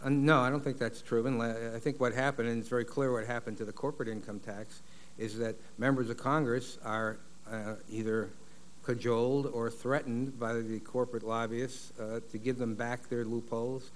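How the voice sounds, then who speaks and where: A man's voice: medium pitch, flat delivery, a little hiss or hum. An older man testifying as an expert witness, blunt and confident, on a desk mic in a large paneled hearing room. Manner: blunt, confident, drawn-out fillers. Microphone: desk microphone.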